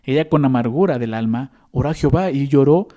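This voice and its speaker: A Mexican-accented man preaches a sermon in a conversational way. He keeps checking in with the listeners through quick tag questions. His voice is warm and mellow at a mid pitch. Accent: Mexican Spanish. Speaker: pastor.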